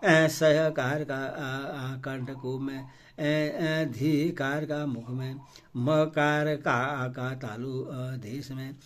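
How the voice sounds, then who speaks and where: A man reading devotional scripture aloud and intoning ritual mantras in a measured way, with frequent hesitant fillers between phrases. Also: mid-range voice, steady tone. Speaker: scripture reader.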